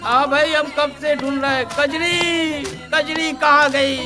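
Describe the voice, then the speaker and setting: A fretful farmer deep in debt grumbles and frets. The voice sits very high and moves slowly. Loud background music from the film score runs under the speech. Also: male voice, level tone. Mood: pleading. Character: anxious indebted village farmer, middle-aged man. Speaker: villager in debt.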